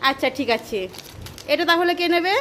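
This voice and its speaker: Very high-voiced mother coaxing a toddler. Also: fairly quick, fairly bright tone, a little hiss or hum. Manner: coaxing, sing-song questions to a toddler. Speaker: mother filming her child. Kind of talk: casual chat with a child.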